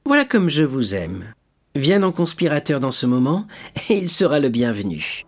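A man's voice: medium pitch, very animated, normal speed. A man voicing an older royalist noblewoman who speaks in an approving, haughty way.

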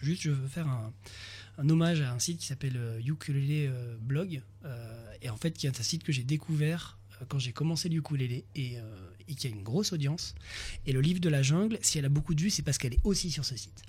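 Fast-talking husky man, hesitant. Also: mid-range voice, darkish tone. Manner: fast, hesitant, many restarts and fillers. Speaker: guest, ukulele video maker. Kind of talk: radio chat.

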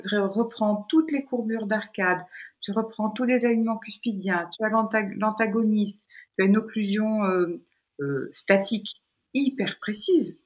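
A middle-aged woman, a dentist, explaining technical points emphatically in a podcast conversation. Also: medium pitch.

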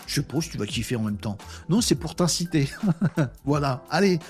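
Male streamer, tired, chatty, slightly high voice, faint music under. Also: lively intonation, moderate pace, a little mellow. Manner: chatty, reads viewer comments aloud, playful asides. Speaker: livestream host reading chat. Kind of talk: casual live chat.

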